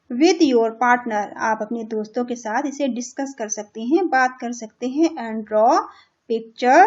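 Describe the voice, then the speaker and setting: High-voiced Indian woman teaching children. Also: a little mellow. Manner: patient, repeats and translates each line, checks with "theek hai". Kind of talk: explaining a children's English lesson in Hindi. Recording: dull lo-fi recording.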